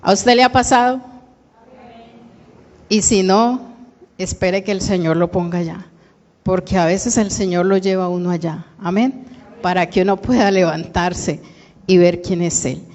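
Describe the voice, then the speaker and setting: A woman's voice: on the low side, fairly even intonation, measured pace, pauses often, darkish tone. A woman with a Colombian Spanish accent preaching a sermon, asking the congregation questions and calling them to answer. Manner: calls out to the congregation, asks questions. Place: church hall. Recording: long church reverb.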